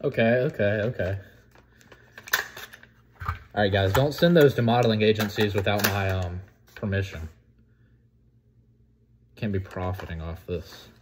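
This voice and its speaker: An eighteen-year-old man from the United States chatting casually on a vlog, excitable, profane and rambling. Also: on the low side, measured pace, pauses often, noisy background. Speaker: vlogger.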